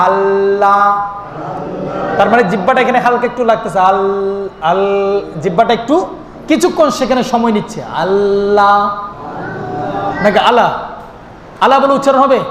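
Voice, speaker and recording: A man's voice: very high-pitched, slight background noise. A man preaching a waz sermon, rhythmic and repetitive, asking the crowd questions and chanting at times. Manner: chants and sings the name of God. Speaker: Islamic preacher. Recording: echoing amplified sound in a long reverberant space.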